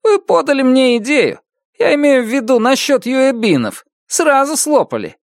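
A narrator voicing a spiteful, bullying male neighbor with a shrill, sneering manner in an audiobook. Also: very animated, normal speed, a bit bright, dry recording, clean studio sound, exaggerated voice. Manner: sneering, bullying, rising to a shriek.

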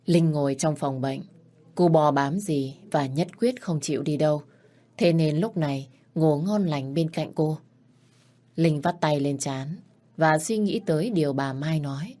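A woman narrating a romance story in a steady, even reading voice. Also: deep voice, unhurried. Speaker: audiobook narrator.

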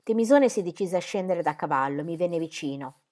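A woman narrating an audiobook of a historical novel, with an expressive, even reading. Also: on the low side, a little fast. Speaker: audiobook reader.

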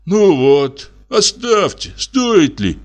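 A man's voice: high-pitched, sing-song, very slow, pitched above the performer's own voice, exaggerated voice. A man doing a fussy, flustered party host. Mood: placating.

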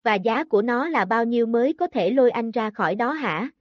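A woman reading a novel aloud as an audiobook narrator, in steady scripted narration. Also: fairly high pitch, brisk, no echo. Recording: dull, dry lo-fi audio.

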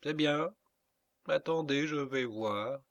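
Un homme qui fait parler un valet de pied hautain et sec dans un livre audio. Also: male voice, fairly high pitch, slow pace, dry recording, lo-fi sound, voice pushed up. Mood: haughty. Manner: haughty, curt. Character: haughty male footman in livery.

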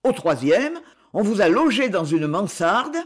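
A woman with a mid-range voice speaks unhurriedly, her pitch swinging widely. She reads as a stern young nobleman, commanding in mood and firm, cold and ironic in manner.

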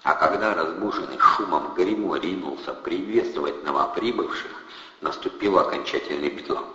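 A man reading a novel aloud as narrator in steady storytelling. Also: low voice, normal speed, echoey room, in a large hall, dull audio. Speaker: audiobook narrator. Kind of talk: scripted narration.

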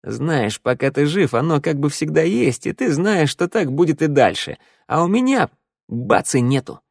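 A man voicing a pale young man speaking quietly and casually, confiding his past. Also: a little high, big pitch swings, normal speed, gravelly, dry recording, clean studio sound, pitched above the performer's own voice, heavily acted. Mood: confessional.

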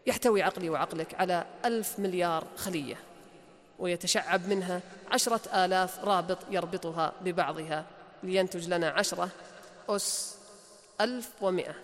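A man's voice: high-pitched, big-room sound. A man gives an emphatic motivational lecture as a coach, repeating key lines for effect.

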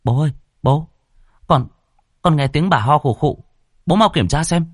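A man's voice: on the high side, unhurried, dry recording, studio quality, voice pushed up. A man doing a nervous stammering teenage boy. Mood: pleading, insistent. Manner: pleading, stammering.

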